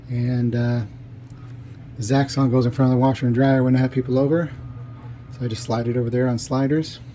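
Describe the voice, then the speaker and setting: There's slight background noise behind this man's warm, mid-range voice. An arcade collector, he gives a casual, rambling vlog tour of his home game room, using lots of fillers, with his voice not quite right since tonsil surgery.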